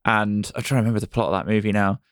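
A man hosting a casual podcast chat, lively and questioning, with many "like" fillers. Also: lowish voice, racing, clear, resonant tone.

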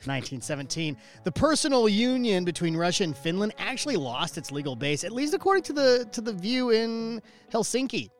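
Animated man bantering on a podcast. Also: high voice, fairly quick, few pauses, faint music behind. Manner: animated, self-mocking banter. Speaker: podcast co-host. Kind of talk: casual chat.

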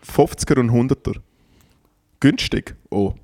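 A man's voice: medium pitch, animated, unhurried, creaky, darkish tone, no room sound. A man with a Swiss German accent, co-hosting a comedy podcast and dropping dry one-liners and teasing asides. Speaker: podcast co-host. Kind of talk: casual comedic chat.

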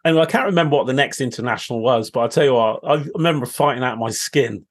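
A man hosting an interview, telling lively anecdotes and mimicking voices. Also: mid-range voice, fast talker. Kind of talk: casual chat.

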